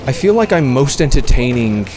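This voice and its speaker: A man's voice: medium pitch, very animated, normal speed. A man, chatting casually and at length on a livestream, meandering with lots of fillers and restarts. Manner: meandering, self-deprecating, many fillers and restarts. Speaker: streamer. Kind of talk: casual rambling livestream chat. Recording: music playing clearly behind the voice.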